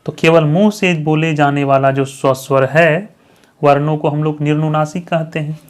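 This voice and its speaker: Male grammar tutor, somewhat higher-pitched, quizzing his viewers and checking in with them often. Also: fairly even intonation, normal speed, smooth. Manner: repeats questions to the viewers and answers them himself; checks understanding with frequent "thik hai". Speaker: teacher. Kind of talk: grammar lesson for exam candidates.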